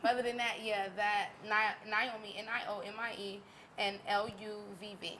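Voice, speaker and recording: A woman with a Southern US accent, a singer being interviewed, talking in a relaxed, easygoing way and giggling often. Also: mid-range voice, normal speed, slight background noise. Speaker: singer guest. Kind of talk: casual interview chat.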